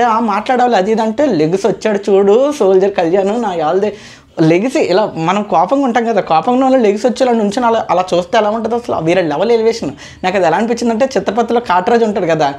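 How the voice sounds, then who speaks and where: Woman reviewer, fast casual delivery, warm mellow tone, acts out quotes. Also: mid-range voice. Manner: chatty, re-enacts contestants' lines. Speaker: reality show reviewer.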